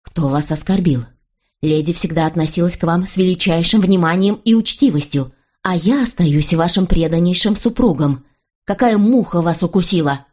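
A woman's voice: fairly low pitch, normal speed, darkish tone, close to an everyday voice. A woman reader voicing a stern, imperious middle-aged king in a cold, commanding manner. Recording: dull lo-fi recording.

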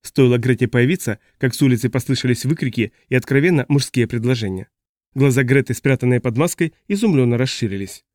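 A man reading a novel aloud as an audiobook narrator, in a steady, even manner. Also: mid-range voice, brisk, no echo, studio quality. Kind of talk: scripted narration.

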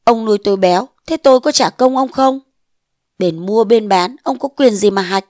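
A woman voicing a bold, scheming young wife of a mandarin, defiant and sharp-tongued, in a storybook reading. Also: mid-range voice, normal speed, dry recording, clean studio sound, close to an everyday voice. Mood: scornful.

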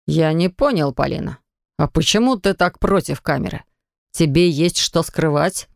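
A domineering husband in an audiobook, stern and unhurried, with a gravelly, low-set voice as a woman narrator puts him on. The sound is close and dry, with no room around it. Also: animated, no echo. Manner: cool, clipped, low and unhurried.

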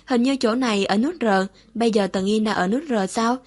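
A woman's voice: fairly high pitch, fast talker, natural voice. A woman voicing a cruel, curious young woman interrogator who coaxes in a falsely motherly way while staying cold underneath.

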